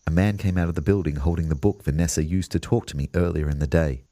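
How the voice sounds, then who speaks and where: An Australian actor narrates and plays the lead in a first-person audio drama, voicing an exasperated young ghost with wry narration and dialogue. His voice is very deep and dark, steady in tone and fast, and recorded with no echo.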